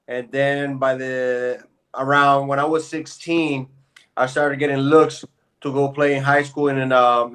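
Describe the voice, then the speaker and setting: A man from Puerto Rico in his thirties talks through his career as an interview guest. His voice stays flat and level, and he speaks in an easygoing, unhurried way. His pitch sits in a middle register. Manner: laid-back, relaxed storytelling with fillers. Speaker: guest, pro basketball player. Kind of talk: casual interview chat.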